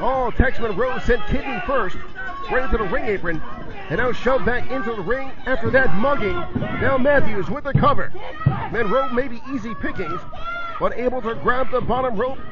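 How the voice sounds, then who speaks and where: Very high-pitched male wrestling arena announcer. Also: moderate pace, over loud music. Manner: dramatic, emphatic storytelling delivery. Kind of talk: excited live wrestling commentary in an arena announcer manner. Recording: dull lo-fi audio amid loud crowd. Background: loud live crowd.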